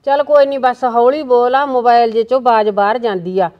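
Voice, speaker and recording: An actress playing a patient village aunt, who keeps smoothing things over. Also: female voice, fairly high pitch, steady tone, brisk, lightly acted. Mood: placating. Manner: placating, keeps saying it's alright. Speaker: aunt of the family. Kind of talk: rural comedy-drama acting. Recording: slightly dull lo-fi sound.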